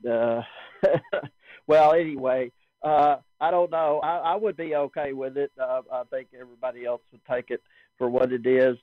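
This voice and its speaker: A man, acting as net control operator on an amateur radio net, talking in a relaxed, rambling way with many fillers. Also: mid-range voice, no room sound. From southern United States. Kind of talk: casual amateur radio chat. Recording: dull, dry radio link audio.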